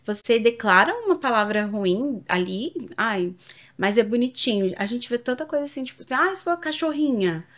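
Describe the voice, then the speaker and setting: Expressive woman co-host. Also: a little high, moderate pace. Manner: expressive, acts out quoted phrases, laughs easily. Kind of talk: casual faith chat.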